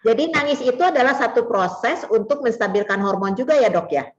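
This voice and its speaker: A woman's voice: on the high side, expressive, fairly quick, slight background noise. Woman, talk show co-host, casual prompting, slightly muffled lo-fi audio. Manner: casual, agreeable, prompting questions. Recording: slightly dull lo-fi sound.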